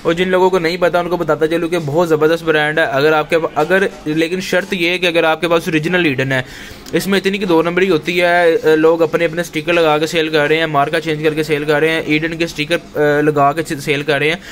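Indoors at a workshop or tool shop, a male shopkeeper casually demos and reviews machines, dropping "theek hai" again and again as a filler of agreement. His voice is fairly high, a bit bright and a little fast, with flat delivery and slight background noise.

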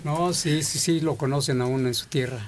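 A man with a Mexican Spanish accent, speaking haltingly on a radio show. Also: fairly high pitch, crowd noise. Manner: halting, hesitant speech. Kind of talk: casual radio chat.

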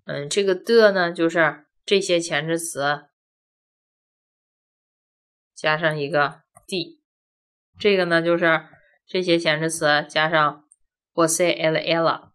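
Speaking slowly and pausing often, this woman has a low-pitched, somewhat bright voice and fairly level intonation. She's a language teacher whose first language is Chinese, leading a classroom-style grammar lesson step by step and frequently asking rhetorical questions.

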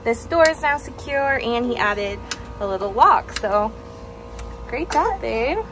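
A woman films a home vlog on a handheld phone camera in her backyard, chatting upbeat in casual narration. Her voice is a little high, expressive, and unhurried. The rough recording has a background music bed.

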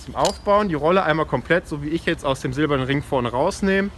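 This is a fast-talking man in his 20s with a slightly high voice, casually walking people through a safety demonstration as a climbing instructor. He's in a forest ropes course, and the camera mic a few steps away captures clear audio plus traffic, clinking gear and outdoor noise.

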